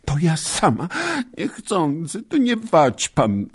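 A man voicing a proud, spirited young noblewoman who speaks in a shrill, breathless way. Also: huge pitch swings, slow, a bit bright, husky, exaggerated voice. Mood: tearful defiant.

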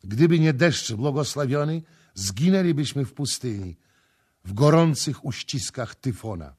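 An impatient young prince gives orders in a slightly husky voice of middle pitch, as a male audiobook reader puts him on. He speaks in commands and sharp questions, sure of his own authority. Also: lively intonation, a little slow. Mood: exultant. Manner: imperious, exclamatory.

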